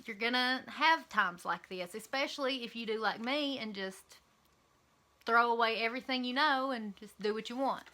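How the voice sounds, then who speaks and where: A woman's voice: on the high side, moderate pace, bright, forceful tone. A woman with an Eastern Kentucky accent talking casually and candidly to camera in a vlog, with frequent ums and likes. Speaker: vlogger.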